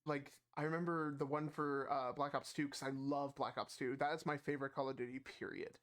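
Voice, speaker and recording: A man's voice: mid-range voice, level tone, fairly quick, fairly bright tone. A man co-hosting a casual gaming podcast, rambling with lots of fillers and restarts. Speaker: podcast co-host.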